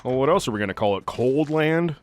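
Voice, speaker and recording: A let's play host in his thirties chats casually during gameplay, his mid-range voice animated and brisk. He rambles, cuts himself off, and swears offhandedly.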